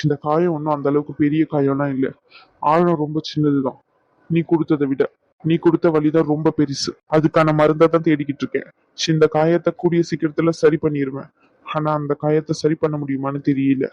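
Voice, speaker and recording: A hurt and stubborn young husband, played by a man, speaking in a somewhat high voice and lecturing his wife sternly. The recording is dull and lo-fi, dry and close in an audio drama. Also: darkish tone, dry recording, natural voice. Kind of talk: Tamil audio drama acting.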